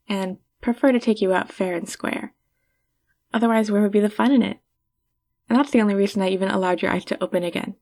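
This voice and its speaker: In an ASMR roleplay, a woman voices a haughty villainess, her mid-pitched voice darkish in tone and lightly acted. She speaks intimately to the listener, teasing and condescending, though a secretly caring streak shows through.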